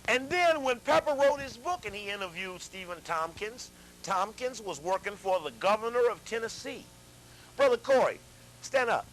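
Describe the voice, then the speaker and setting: Guy giving a fired-up talk to a crowd, high bright voice, faint hum behind. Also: normal speed, rough recording. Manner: animated, addresses audience directly, repeats and restarts. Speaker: lecturer. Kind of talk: lecture to a live audience.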